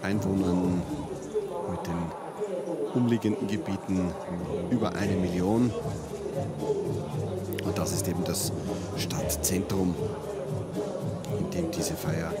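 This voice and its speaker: A man's voice: low-pitched, steady tone, slow pace, pauses often, loud music behind the voice. A man commentating live at a ski event, reeling off race statistics in an informative way. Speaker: sports commentator.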